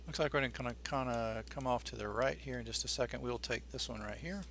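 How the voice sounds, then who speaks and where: A man's voice: mid-range voice, quick pace, gravelly, a bit bright, a little hiss or hum. A man giving casual, think-aloud commentary as the pilot in a flight simulator game. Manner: informal, thinking aloud while flying.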